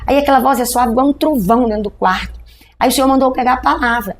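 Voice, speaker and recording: Middle-aged Brazilian woman pastor, rapid lively storyteller, acts out the dialogue, faint background noise. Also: high-pitched. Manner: animated storytelling, acting out dialogue with a doctor. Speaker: pastor, guest telling her testimony. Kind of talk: testimony in a podcast interview.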